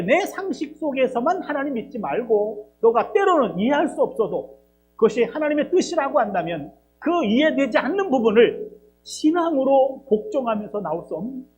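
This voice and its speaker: A man's voice: very high voice, very animated, normal speed, darkish tone, slight background noise, low-quality recording. A man preaching a sermon as pastor, acting out dialogue and asking rhetorical questions. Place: church.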